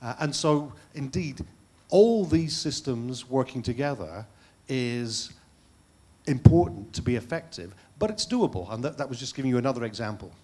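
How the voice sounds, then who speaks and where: A man's voice: medium pitch, expressive, normal speed, a little mellow. Man explaining on a stage panel. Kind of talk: panel discussion answer.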